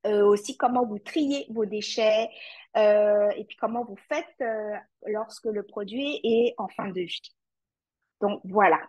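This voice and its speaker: A woman's voice: medium pitch, a little slow, darkish tone, no echo, poor audio. A woman with a French accent presenting a webinar as a climate consultant, speaking directly to her audience with frequent hesitations and fillers. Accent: French (France).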